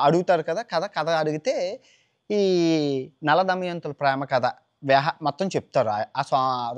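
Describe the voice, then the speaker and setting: Chatty male storyteller, lively voice. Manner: chatty, colloquial, mixes English words; voices characters with big pitch swings. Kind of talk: casual storytelling with acted quotes.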